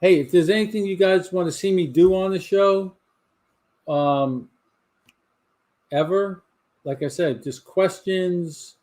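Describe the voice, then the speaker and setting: A man's voice: high voice, slow pace, long pauses, a little mellow. A man, hosting a live cigar talk show from his garage and telling rambling stories with lots of restarts. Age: 60s. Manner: rambling storyteller with frequent restarts. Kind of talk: casual chat to a live audience. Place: home garage.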